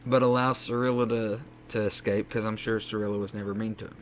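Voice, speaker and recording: A man's voice: on the low side, level tone, quick pace, slight background noise. A man co-hosting a casual podcast, chatting enthusiastically and acting out quotes. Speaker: podcast co-host. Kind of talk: casual chat.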